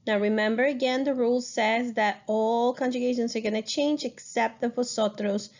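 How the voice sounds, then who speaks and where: A woman's voice: fairly high pitch, steady tone, moderate pace, darkish tone. Woman teaching in a patient, explaining voice. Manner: patient, explanatory, stresses key rules. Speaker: Spanish teacher. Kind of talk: recorded grammar lesson. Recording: dull lo-fi recording.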